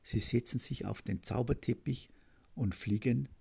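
Slow gravelly storybook narrator, male. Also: mid-range voice. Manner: slow, gentle storybook reading.

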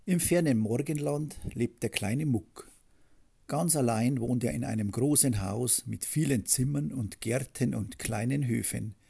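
A man reading a children's story aloud, with a slow, gentle storybook manner and a husky, gravelly voice. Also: medium pitch.

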